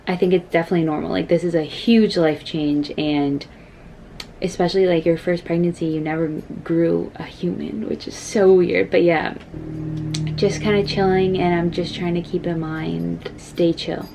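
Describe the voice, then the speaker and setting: A woman's voice: on the low side, steady tone, moderate pace, vocal fry, warm tone, slight background noise, low-quality recording. A young woman, early in pregnancy, chatting casually to camera as a vlogger, full of "like" and "freaking".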